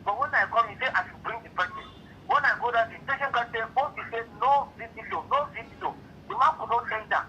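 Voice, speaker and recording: A man comes through a clipped phone line on a speakerphone, his voice high and very bright. He sounds defensive and keeps repeating his points. He presses his case with rhetorical questions. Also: fast, a little hiss or hum. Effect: clipped phone line heard over a speakerphone. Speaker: official handling an impounded car. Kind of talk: phone call.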